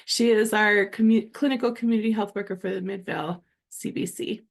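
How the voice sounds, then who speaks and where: A woman's voice: mid-range voice, fairly even intonation, brisk, gravelly. A woman presenting a webinar session in a conversational way, with some fillers.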